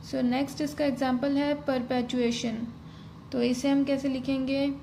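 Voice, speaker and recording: A woman's voice: high voice, flat delivery, unhurried, creaky, warm tone. A woman teaching shorthand, spelling out each stroke one by one in a patient step-by-step tutorial. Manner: spells out strokes one by one, mixing Hindi and English. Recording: faint ambient noise.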